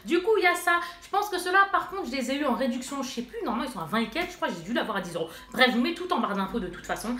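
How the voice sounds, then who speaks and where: A woman's voice: sits high, sing-song, very fast, hardly any pauses, bright, forceful tone. A woman vlogger with a stuffy nose from allergies, chatting casually to her viewers as she shows and swatches makeup. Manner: chatty, addresses viewers directly, many fillers. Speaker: beauty vlogger. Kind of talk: casual haul and swatch demo. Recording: echoey room, faint noise.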